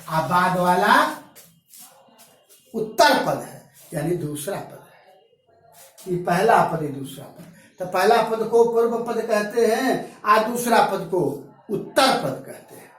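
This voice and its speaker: Male classroom teacher, high voice, drawn-out delivery, distant mic in a boomy room with faint music. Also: very echoey. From Bihar, India. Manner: repeats key terms slowly, asks and answers his own questions. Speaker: Sanskrit grammar teacher. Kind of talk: classroom lecture. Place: echoey classroom.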